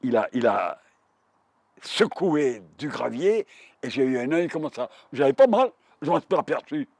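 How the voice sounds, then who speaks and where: A man's voice: medium pitch, very animated, unhurried, creaky, a little mellow, no echo. A man in his nineties with a Marseille accent, telling his wartime memories vividly, with frequent repetitions. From Provence, France. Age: 90s. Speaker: war veteran witness. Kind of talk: oral history testimony.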